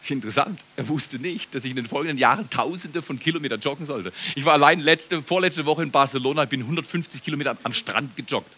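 A middle-aged man preaching a sermon to a congregation, animated, swinging between loud appeals and hushed passages, often asking the listeners questions. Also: mid-range voice, fast, few pauses, slightly rough. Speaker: pastor. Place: church service before a live congregation.

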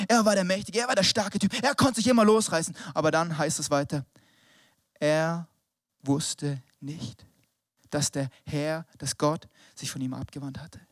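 High-voiced young preacher, whispers to shouts. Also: male voice, no room sound, studio quality. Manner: swings from hushed whispers to shouted exhortation; casual slangy German with English words mixed in. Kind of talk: lively youth sermon.

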